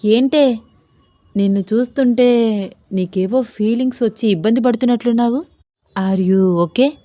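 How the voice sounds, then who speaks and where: A woman's voice: fairly high pitch, measured pace, warm tone, no echo, clean studio sound, lightly acted. A woman voicing a young husband with a playful, coaxing manner, in a storybook reading. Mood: teasing. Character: young man, gentle teasing husband.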